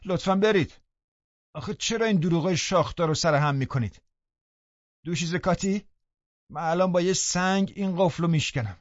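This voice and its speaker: An indignant older housekeeper woman, as a male reader puts her on, loud and protective. The recording is dry and dull. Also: high-pitched, long pauses, dry recording, pitched above the performer's own voice, close to an everyday voice. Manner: shouting indignantly.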